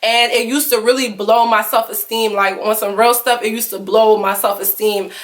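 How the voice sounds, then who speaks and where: Near tears, a young vlogger shares frank relationship advice in an earnest, confiding tone packed with fillers. Her lower-than-typical female voice keeps fairly even intonation at a normal speed.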